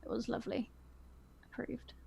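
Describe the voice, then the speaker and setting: Her tone is dark and her pace moderate as she co-hosts a laid-back fan podcast. She talks with gushing enthusiasm, her speech full of fillers.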